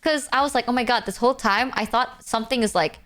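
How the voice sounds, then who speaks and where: A woman livestreamer chatting casually with viewers in a cute, expressive, playful anime-streamer manner. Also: on the high side, quick pace, soft background music.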